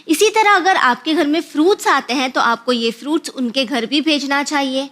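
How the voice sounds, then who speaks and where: A woman's voice: high voice, a bit bright. A woman telling a moral story to children, speaking to them directly and explaining words as she goes.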